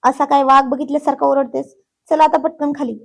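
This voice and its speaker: A woman's voice: high voice, little pitch movement, a little fast, gravelly. A woman voicing an exasperated young man who scolds and teases, still patient underneath. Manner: scolding, teasing.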